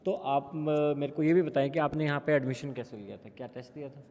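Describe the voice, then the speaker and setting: A man's voice: a little high, a little fast, darkish tone. A man hosting a casual campus interview, asking students questions in a friendly way and mixing Hindi and English. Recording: echoey room.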